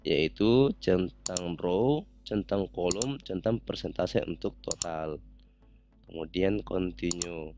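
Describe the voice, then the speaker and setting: A man calmly walking through statistics software steps one by one in a recorded tutorial. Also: low-pitched. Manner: calm, methodical step-by-step explanation.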